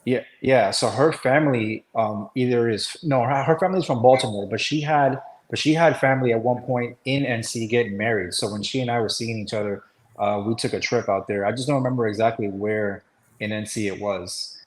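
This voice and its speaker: A man's voice: mid-range voice, a little fast, poor audio. Chatty man on a casual call. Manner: rambling, restarts, many fillers. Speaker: webinar host. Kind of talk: casual chat.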